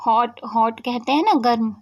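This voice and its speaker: A woman teaching a spoken English lesson, explaining patiently and saying example sentences very slowly. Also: on the high side. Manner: slow, patient explaining with words read out very slowly.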